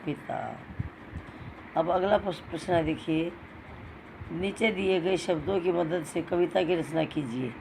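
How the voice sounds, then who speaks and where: A man's voice: on the high side, unhurried, gravelly, long pauses, darkish tone, a little hiss or hum, rough recording. A male primary school teacher giving a recorded lesson to young pupils, patient, repeating words and answering his own questions.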